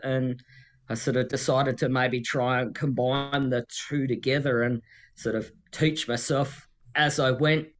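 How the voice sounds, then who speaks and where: A man with a Tasmanian Australian accent chatting casually as an interview guest, rambling and self-deprecating. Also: medium pitch.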